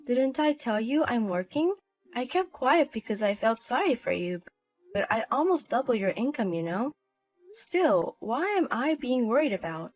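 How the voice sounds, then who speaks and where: A woman with a fairly high voice, acting out a scripted drama with a cold, cutting and dismissive manner. Soft music plays under her lines. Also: very animated, moderate pace. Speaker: narrator and wife in a voiced story.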